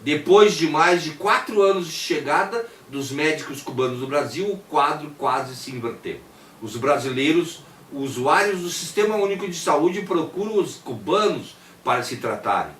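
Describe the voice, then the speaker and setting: In a voice a little high and fairly bright, with lively intonation at normal speed, a Brazilian man delivers a prepared text in a formal way. He sometimes trips over and rereads words and speaks the punctuation, quotation marks included, like dictation. Faint background noise comes through an echoey, distant mic.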